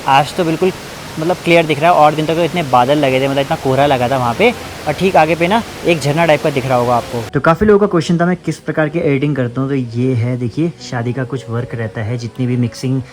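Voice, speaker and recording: A man's voice: medium pitch, fast talker. Chatty young man vlogging outdoors. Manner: chatty, leaning on fillers and loose restarts. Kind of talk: casual walking vlog. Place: outdoors in hill country.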